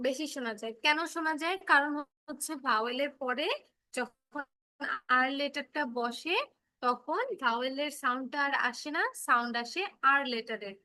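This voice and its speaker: High, bright-voiced woman teaching phonics. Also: no room sound. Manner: patient, repeats and checks understanding. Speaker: English teacher. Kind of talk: online kids' class, explaining phonics.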